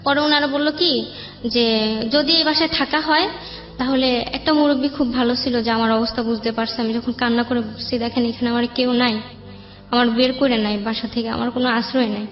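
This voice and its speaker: As a guest in an interview, a young Bangladeshi-accented woman tells her life story in a loose, colloquial way. Her slightly high voice is brisk and fairly even, recorded with dull room sound and music behind her.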